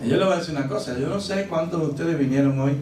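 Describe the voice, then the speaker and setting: A man pastor preaching a sermon in a church, animated and theatrical, acting out scenes with loud cries. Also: a little high, very fast. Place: church service. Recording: echoey church from a distant mic, music behind.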